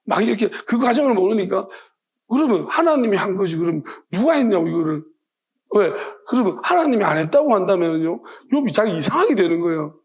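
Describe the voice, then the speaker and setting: A man pastor preaching an evening sermon, retelling a story with lively acted-out quotes. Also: high voice, breathy edge. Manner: animated storytelling, acting out quoted lines.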